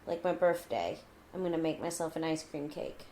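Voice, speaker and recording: Low-pitched and mellow, this woman speaks at a moderate pace with a little background hiss or hum. As a podcast co-host she chats casually and rambles, saying "like" constantly, and puts on a mock newscaster voice in her segment about cats.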